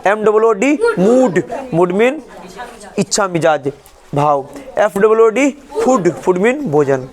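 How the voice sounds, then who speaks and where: A man's voice: high voice, animated, slow, a crowd in the background. A male English teacher in a classroom, spelling words letter by letter and quizzing his class with repeated questions. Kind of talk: classroom lesson.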